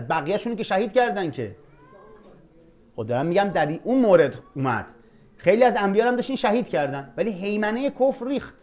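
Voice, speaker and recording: Man, fairly high voice, informal religious lesson, chatty teacher, slow verse recitation. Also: a little mellow. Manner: conversational, recites Arabic verses slowly. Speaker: Quran class teacher.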